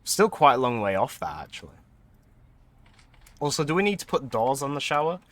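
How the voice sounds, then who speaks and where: A man's voice: medium pitch, sing-song, normal speed, a bit bright, no room sound. Chatty man streaming a game. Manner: chatty, thinks aloud, laughs often. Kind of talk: casual gameplay commentary.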